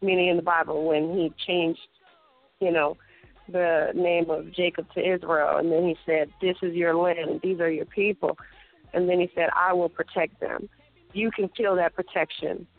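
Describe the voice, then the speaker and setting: A woman's voice: on the low side, fairly even intonation, normal speed, no echo. A young woman, a guest speaking earnestly and devoutly over the phone, often searching for words. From Fort Worth, Texas. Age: young adult. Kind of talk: phone interview. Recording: tinny phone line.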